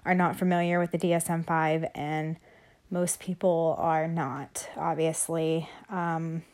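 A woman's voice: on the low side, little pitch movement, normal speed, darkish tone. A young woman hosting a casual podcast monologue, talking loosely with many fillers and audible heavy breathing. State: breathing heavily. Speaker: podcast host.

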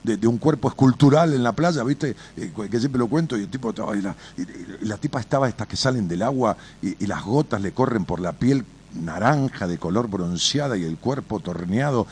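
A man with an Argentine accent talks through a caller's problem in a blunt, salty, colloquial way, weaving in folksy anecdotes. His pitch swings widely as he tells his stories, and there is a faint hiss and low rumble behind him. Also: a little fast, few pauses. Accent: Argentine Spanish. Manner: blunt and colloquial, swears freely; animated storyteller, addresses listener directly. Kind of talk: advice talk with storytelling.

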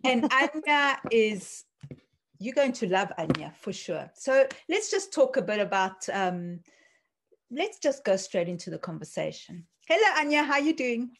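A woman's voice: a little high, very animated, unhurried, a bit bright. A woman hosting a casual conversational interview. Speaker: podcast interviewer.

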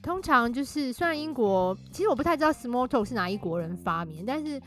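A woman's voice: a little high, very animated, a little fast, soft background music. A woman guest and author, explaining things in a casual podcast conversation and laughing often.

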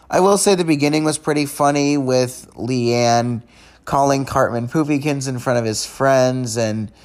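A man hosting a podcast, reviewing in a casual, unedited way, rambling conversationally with frequent restarts and stammers. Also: mid-range voice. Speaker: podcast host.

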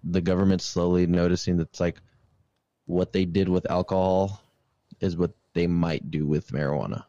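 Deep-voiced podcast host, lo-fi sound. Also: male voice, little pitch movement, moderate pace, warm tone, dry recording. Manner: opinionated, explains with examples and repeated "obviously". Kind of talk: casual chat.

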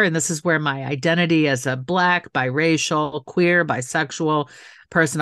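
Here a middle-aged author and city council member talks as an interview guest, her low voice carrying a fairly bright tone. She is earnest, heartfelt and emphatic, leaning on repeated phrases for stress, captured in clean studio sound without any room echo.

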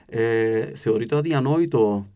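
A man with a Cypriot Greek accent explains things patiently in an interview, at a mid pitch. He pauses on filler sounds and works through examples slowly and clearly. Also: warm tone. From Cyprus. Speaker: linguist guest.

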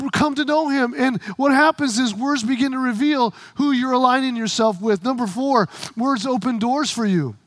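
A middle-aged pastor preaches a sermon in an extremely high-pitched voice, telling stories and acting out dialogue in quick quoted voices. He sometimes bursts into shouts for emphasis, and there's no room sound.

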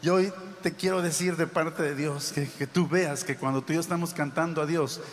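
High-voiced male preacher in a reverberant hall. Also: steady tone, moderate pace. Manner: preaching with rising emphatic exclamations. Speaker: pastor. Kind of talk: sermon.

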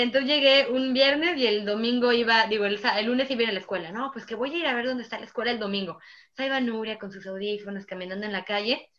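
A woman's voice: mid-range voice, fairly bright tone, dull audio. A young Mexican woman with a Mexican accent, hosting a casual chat and telling stories animatedly, acting out her own past words. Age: young adult.

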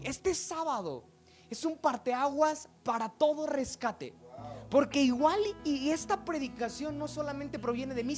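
A woman preaching a sermon with fervent, emphatic delivery, often repeating words. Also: a little high.

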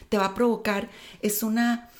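A woman's voice: on the high side, little pitch movement, normal speed. A woman from Tamaulipas with a northern Mexican accent, a podcast guest chatting casually and telling stories animatedly, with many fillers.

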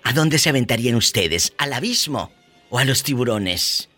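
A man's voice: medium pitch, animated, normal speed, sharp tone, soft background music. A Mexican man hosting a talk show, playful and theatrical, repeating his phrases with emphasis. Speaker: show host.

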